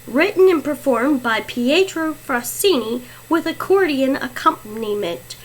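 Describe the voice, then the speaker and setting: Woman teacher, high bright voice, unhurried and clear, giving classroom tips. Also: expressive, rough recording. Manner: clear, deliberate, teacherly delivery. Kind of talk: instructional narration with fluency tips.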